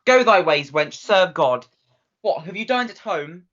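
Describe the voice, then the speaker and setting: A woman's voice: lowish voice, expressive, measured pace, a bit bright, highs cut off. A young woman playing an old, teasing nurse who groans and complains in Shakespearean verse. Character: old female nurse, weary, bawdy, teasing. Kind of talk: Shakespearean stage acting.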